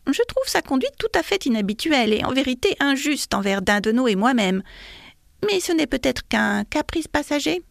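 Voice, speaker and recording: A woman voicing a polite male law clerk who answers his employer in a deferential, measured way. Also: high voice, sing-song, vocal fry, no echo, clean studio sound, pitched above the performer's own voice, exaggerated voice.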